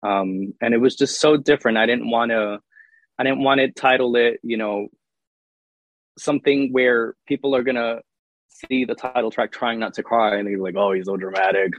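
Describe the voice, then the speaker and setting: A man's voice: mid-range voice, normal speed, dry recording, dull audio. A young man, a singer-songwriter, answering interview questions in an earnest, open way, with many ums.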